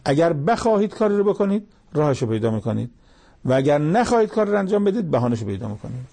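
Man, cleric, sermon, mellow dark tone, emphatic, rhetorical questions. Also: a little high, very animated, creaky. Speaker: cleric teaching Quran commentary.

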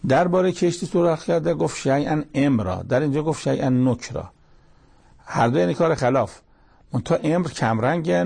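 A man giving a verse-by-verse scripture commentary in short measured phrases, retelling the dialogue of the story. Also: medium pitch, vocal fry, darkish tone, slightly rough. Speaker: Quran commentator. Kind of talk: religious lesson, verse-by-verse commentary.

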